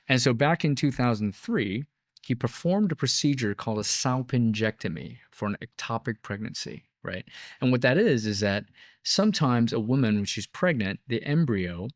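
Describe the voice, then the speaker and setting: A man's voice: medium pitch, expressive, normal speed, no room sound, clean studio sound. A man in his fifties from Taiwan, a biotech founder answering interview questions in an explanatory way with many fillers and tag questions.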